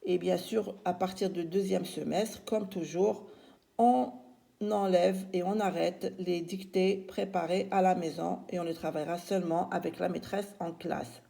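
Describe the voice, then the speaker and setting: A woman teacher giving a spelling lesson to young children, slowly sounding out syllables and spelling words letter by letter. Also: on the low side, steady tone, gravelly, mellow. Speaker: primary school teacher.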